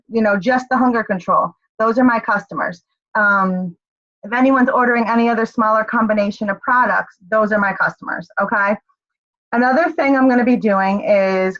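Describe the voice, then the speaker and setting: A woman's voice: a little high, a bit bright, lo-fi sound. Upbeat woman rallying her team on a call. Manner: upbeat, rallying, repeats points with "okay?". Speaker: team leader on a group call. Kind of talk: motivational group call talk.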